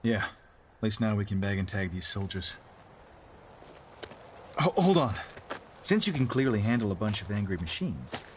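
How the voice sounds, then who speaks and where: A man's voice: lowish voice, slight background noise, close to an everyday voice. An actor voicing a weary male soldier commander in a video game, earnest and commanding. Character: weary male soldier leader, grim and loyal.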